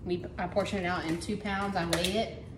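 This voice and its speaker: A woman's voice: lowish voice, level tone, a little fast, background noise. Chatty woman cooking in her kitchen. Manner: chatty, talks while working, thinks aloud. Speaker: home cooking vlogger. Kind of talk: casual cook-along narration. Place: home kitchen. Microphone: camera on counter. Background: clatter of dishes and pans.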